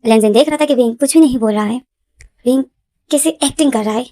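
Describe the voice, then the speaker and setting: A woman storyteller retells a love drama in a casual, repetitive, dramatic way. Her voice is fairly high, with a soft, warm, mellow tone. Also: fast, no echo. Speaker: fanfiction storyteller.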